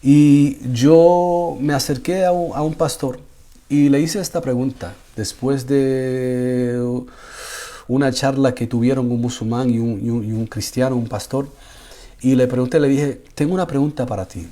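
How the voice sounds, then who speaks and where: A man's voice: mid-range voice, unhurried, dark tone. A man, an imam, telling the story of his conversion. He often repeats words while he searches for the next one, and at times he builds up to intense pleading. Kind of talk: personal conversion testimony.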